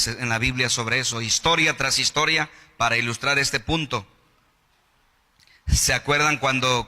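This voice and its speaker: A Mexican pastor preaches with animated energy and acts out the voices of the figures in his stories. His tone is very bright and sharp. The sermon rings out with a long reverb in a church hall. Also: mid-range voice. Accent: Mexican Spanish.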